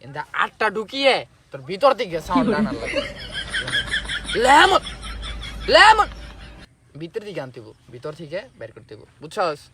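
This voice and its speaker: An actor playing a harsh, bossy English tutor in a comedy skit, scolding and bursting into shouted words. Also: male voice, high voice, sing-song, fast, background noise. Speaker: teacher.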